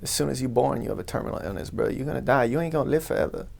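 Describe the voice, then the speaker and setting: A man with a laid-back stoner drawl and a gravelly, husky voice, chatting casually and deadpan as a guest. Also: medium pitch, racing. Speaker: podcast guest.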